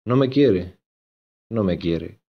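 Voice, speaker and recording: A man voicing an agitated, lovesick young gentleman from an old novel. He talks earnestly and insistently in a low voice. The recording sounds dull and lo-fi. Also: expressive, measured pace. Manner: earnest, insistent, repeats himself.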